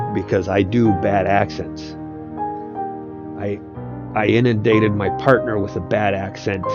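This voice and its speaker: A man who runs tabletop games, giving meandering casual advice with many hesitations and restarts. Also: lowish voice. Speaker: tabletop game master and video host. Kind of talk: casual rambling advice talk. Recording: dull lo-fi sound with faint background music.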